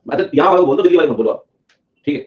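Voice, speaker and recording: A young man from Delhi teaching accounting in a lively lecture, acting out an auditor and a client in playful voices. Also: a little high, very fast. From Delhi, India. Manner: animated, acts out auditor and client in funny voices. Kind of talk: lively classroom lecture with acted skits. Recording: dull lo-fi recording.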